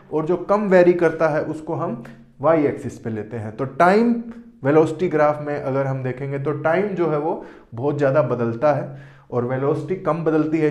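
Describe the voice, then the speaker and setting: A man's voice: a little high, darkish tone. Guy teaching at the board, asks his own questions n answers them, echoey room. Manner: says "theek hai" often. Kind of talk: board lesson. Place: classroom with board.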